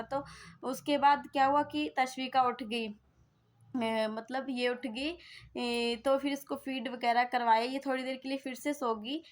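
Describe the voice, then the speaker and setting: A young woman from Himachal Pradesh telling a casual vlog story about caring for her baby, rambling with many fillers and restarts. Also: high-pitched. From Himachal Pradesh, India. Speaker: vlogger mother.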